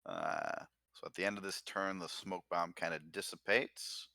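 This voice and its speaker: A man narrating as game master, relaxed and full of fillers. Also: deep voice, normal speed, creaky, no room sound. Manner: relaxed, filler-heavy narration with many uhs.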